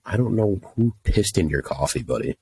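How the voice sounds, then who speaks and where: A man's voice: sits low, big pitch swings, moderate pace, creaky, warm tone, slight background noise. A young man telling a story casually, ranting in an exasperated, profane way. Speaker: podcast host telling a story.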